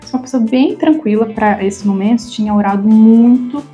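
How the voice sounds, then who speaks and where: A Brazilian woman in her thirties recounts a frightening personal experience to her viewers, her mellow voice sitting a little high for a woman. She stammers now and then and slips into the voices of the people she quotes. Soft music plays quietly underneath. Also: normal speed. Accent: Brazilian Portuguese. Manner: emotional retelling with stammers, acts out quoted voices. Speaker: vlogger. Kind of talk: personal storytelling to camera.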